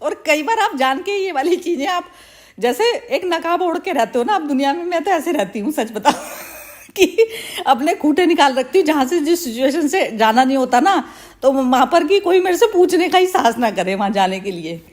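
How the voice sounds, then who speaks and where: A woman's voice: high voice, normal speed. A woman hosting a spiritual group discussion who laughs often and speaks candidly. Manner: laughs often while talking, relaxed and candid. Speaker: session host.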